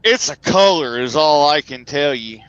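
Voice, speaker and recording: Bright-voiced joking truck driver man. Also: fairly high pitch, expressive, moderate pace, clear, resonant tone, no echo, lo-fi sound. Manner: folksy joking storyteller. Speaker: guest, truck driver and former trainee. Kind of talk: casual conversation, storytelling.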